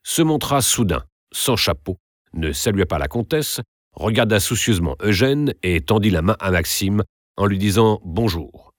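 A man with a very deep voice reads a classic novel aloud, theatrical and expressive with a lively, wide-ranging pitch. The recording is dry and close. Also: dry recording. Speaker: narrator. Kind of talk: audiobook narration of a classic novel.

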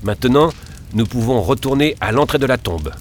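A man voicing a calm, clever girl who guides her friends in a storybook reading. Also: mid-range voice, normal speed, slight background noise, voice pushed up, close to an everyday voice. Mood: steady. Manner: calm, instructive.

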